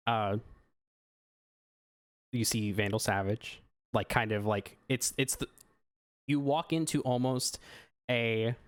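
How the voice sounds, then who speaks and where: Low-voiced man rambling as game master. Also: dry recording, studio quality. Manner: rambling, with many fillers and restarts. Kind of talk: narrating a tabletop game.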